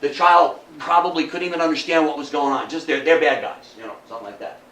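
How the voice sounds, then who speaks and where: A fast talker with a slightly high, fairly bright voice, this older lecturer gives a chatty, folksy history talk to an indoor audience and asks them rhetorical questions. The mic is distant, giving a roomy sound with faint noise.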